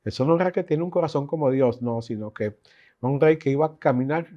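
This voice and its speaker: A man teaching a Bible class in an animated, chatty way, with asides. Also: mid-range voice, fairly quick. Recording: dull lo-fi recording.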